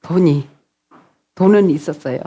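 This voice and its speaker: A man's voice: fairly high pitch, moderate pace, dark tone. A man interpreting a sermon live, hesitant, with fillers and restarts as he catches up.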